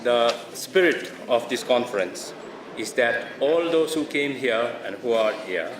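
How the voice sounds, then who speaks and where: A man delivers an earnest formal welcome speech as host of a conference. His voice sits at an ordinary middle pitch. The sound bounces around an echoey conference hall. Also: expressive, unhurried, noisy background.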